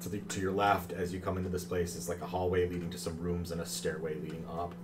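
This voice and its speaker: A man's voice: deep voice, flat delivery, quick pace. A man improvising scene descriptions as the game master of a tabletop game. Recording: noisy room recording.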